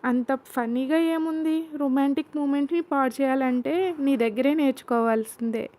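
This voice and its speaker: A woman's voice: high voice, normal speed, dark tone, lightly acted. A woman voicing a playful young husband in a read-aloud romance story, who pleads like a child and teases his wife. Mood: playful teasing. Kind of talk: storybook narration.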